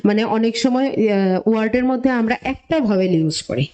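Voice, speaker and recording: A woman's voice: fairly high pitch, expressive, fairly quick, mellow. A woman teacher explaining a lesson step by step, often checking in with her students and mixing English terms into her speech. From Tripura, India. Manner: mixes English terms into Bengali. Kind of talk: classroom lesson.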